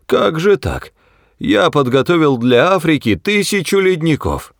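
A man's voice: sits low, big pitch swings, measured pace, dry recording, clean studio sound, full character voice. A man playing an elderly planet designer who speaks politely and grows passionate and indignant about his work. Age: older. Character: elderly male planet designer, proud and touchy.

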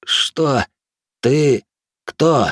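A man voicing a terrified, broken male prisoner who rasps his words out hoarsely. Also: mid-range voice, drawn-out words, fairly bright tone, no echo, clean studio sound, pitched above the performer's own voice, exaggerated voice. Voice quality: hoarse rasp.

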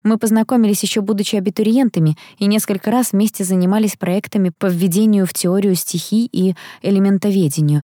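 A woman narrating a first-person audiobook in a calm, even way. Her voice is mellow and warm. The recording is close and dry. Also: medium pitch, quick pace, few pauses, no room sound.

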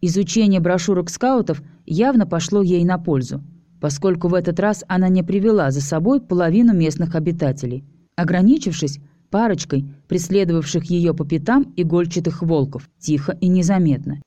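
A woman reading a story aloud as a male first-person narrator, in a steady, even storytelling manner. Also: lowish voice, moderate pace, no echo. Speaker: audiobook reader. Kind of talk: scripted narration.

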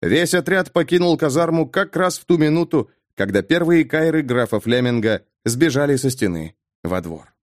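A male narrator reads a fantasy tale with expressive, dramatic delivery. His pitch sits mid-range but moves a lot. The recording is dry and close. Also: moderate pace, hardly any pauses, no room sound. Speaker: audiobook narrator. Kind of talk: scripted narration.

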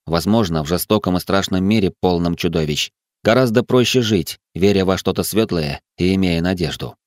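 A man narrating a first-person audiobook in an even, steady way. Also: sits low, normal speed, dry recording, studio quality.

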